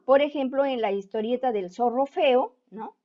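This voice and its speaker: A woman teacher with a slightly high voice talks students through a writing assignment in a patient, step-by-step way. She keeps checking in with a quick "¿no?" after almost every phrase. The recording sounds dull and lo-fi. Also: warm tone. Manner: keeps asking "¿no?" to check understanding. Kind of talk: online class explanation.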